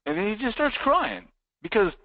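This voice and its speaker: Animated fired-up male business trainer. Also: sits high, moderate pace, no room sound, highs cut off. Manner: emphatic, repetitive, fired-up. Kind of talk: motivational live training. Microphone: live-streamed online.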